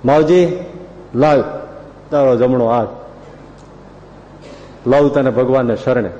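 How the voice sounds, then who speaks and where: A man's voice: medium pitch, slow pace, dark tone, a little hiss or hum, close to an everyday voice. A man voicing a proud, commanding holy guru who gives firm blessings and instructions. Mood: solemn blessing. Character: commanding saintly male guru, proud and bold. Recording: reverberant hall, dull lo-fi sound.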